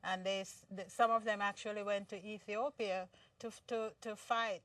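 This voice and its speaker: A woman's voice: mid-range voice, steady tone, moderate pace, fairly bright tone, no echo. A Jamaican-born woman, a guest in a conversational interview, explaining earnestly with frequent restarts. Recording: distant mic, dry sound.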